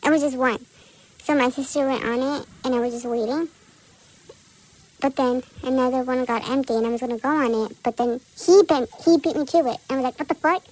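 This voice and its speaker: A woman's voice: high voice, fairly quick, darkish tone, rough recording. A teenage girl co-hosting a podcast, chatting casually and telling stories bluntly, with frequent swearing. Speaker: podcast co-host. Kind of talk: casual chat.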